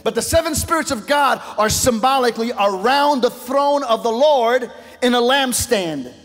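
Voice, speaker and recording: A male pastor delivers a sermon with fervor, his voice climbing loud and then falling to a hush. His voice sits high for a man. The sound rings with the long echo of a large church sanctuary. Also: expressive, moderate pace. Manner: impassioned preaching, voice swelling and dropping low.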